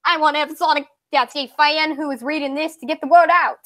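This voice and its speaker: A woman voicing a furious, pompous internet story author, in a put-on Southern accent and a grandiose, drawn-out rant. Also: sits high, fairly even intonation, a bit bright, voice pushed up. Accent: put-on American Southern. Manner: ranting, grandiose, slow and drawn out. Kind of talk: dramatic reading of a forum post.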